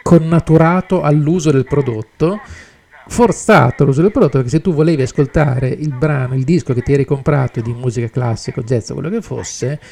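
A man's voice: medium pitch, fairly quick, creaky, a little mellow. A man hosting a live podcast, talking casually and hesitantly while fiddling with his equipment. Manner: hesitant, full of fillers and restarts while working the gear. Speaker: podcast host.

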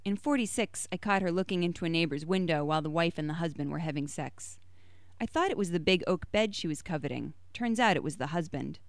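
A woman reading a short story aloud has a fairly low, smooth voice, lively intonation and a fairly quick pace. The recording is close and dry with no room sound or echo, and she pitches her voice a little higher and brighter for character lines.

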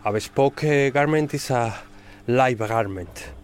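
A man's voice: medium pitch, a little slow, slight background noise. A middle-aged or older man with a Spanish accent, explaining his craft in careful non-native English. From Spain. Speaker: bespoke tailoring undercutter. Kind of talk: explanatory interview answers.

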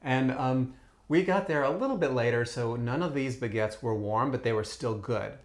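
A man hosts a casual podcast chat. His pitch sits in the middle of the male range. He talks in a loose, chatty way, full of ums and small restarts. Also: moderate pace. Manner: relaxed, chatty, many fillers. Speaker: podcast host.

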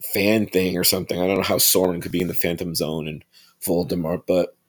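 A man's voice: deep voice, steady tone, brisk, breathy edge. A man hosting a podcast, talking in a chatty, self-mocking casual way. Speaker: podcast host. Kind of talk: casual chat.

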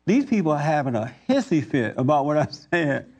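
A man's slightly high, somewhat mellow voice comes across as very animated and brisk. He's hosting a relaxed preaching discussion, leading the group and answering audience questions. He talks in a folksy, down-to-earth way with loose grammar.

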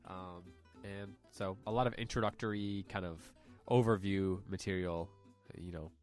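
Man, podcast host, low voice, nasal and congested from a cold, sniffly, casual chat. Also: steady tone, moderate pace, faint music behind. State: has a cold, extra nasal stuffy nose, sniffling.

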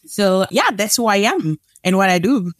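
A woman's voice: medium pitch, lively intonation, normal speed, no echo, clean studio sound. Woman, closely recorded. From Angola, grew up in Germany. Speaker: podcast guest, business owner. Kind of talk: conversational interview.

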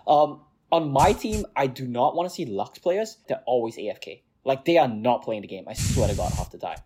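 A man's voice: medium pitch, normal speed, noisy background. A man co-hosting a gaming podcast, talking casually and getting worked up as he rants about teammates. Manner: excitable, worked up, ranting. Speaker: podcast co-host, jungle player.

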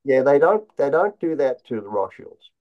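A man explaining conspiracy theories as an interview guest, in a halting way, often repeating words and restarting his phrases. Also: medium pitch, very animated. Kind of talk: conspiracy talk, explaining slides. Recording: dull, lo-fi sound.

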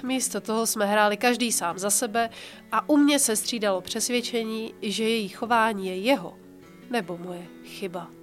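With soft music playing behind her, a female podcast host reads from a book and comments on it in a fairly high voice. She stays calm and measured, easing off and slowing down for emphasis.

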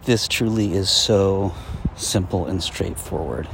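Guy with a lowish creaky voice doing a motivational meditation talk, slow deliberate pauses, recorded in a park w/ some bg noise. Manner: deliberate phrasing with long pauses. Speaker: self-help meditation coach. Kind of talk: guided motivational talk on mindfulness. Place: busy park, outdoors. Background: park background sounds, passing vehicles.

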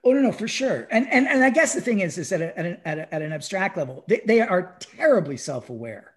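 On a podcast, a speaker with a mid-range, sing-song voice talks fairly quickly in a casual discussion of music history. He stammers, repeats words, and keeps tagging phrases with "right?" to check in.

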